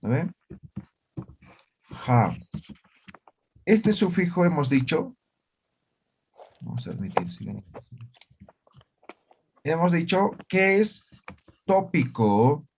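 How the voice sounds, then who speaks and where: A man's voice: a little high, big pitch swings, extremely slow, pauses often, a little hiss or hum. Patient man teaching a language class. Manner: explanatory, checks understanding with frequent "¿ya?" and "¿no ve?". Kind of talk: online class lecture.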